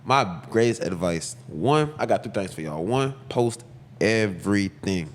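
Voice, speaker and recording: A man's voice: on the low side, lively intonation, slight background noise. A young man, chatting casually and loosely about his barbering work. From Texas. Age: 20s. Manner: slangy, loose, talks in quick bursts with repeats. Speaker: podcast guest, barber. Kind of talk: casual chat.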